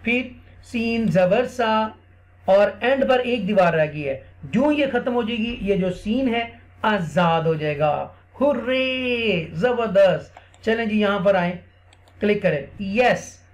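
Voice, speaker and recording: In a screen-recorded tutorial, a man with a high-pitched, animated voice shows other Quran teachers a classroom technique. He goes step by step, often checking in with "theek hai," and reads English lines aloud slowly and deliberately.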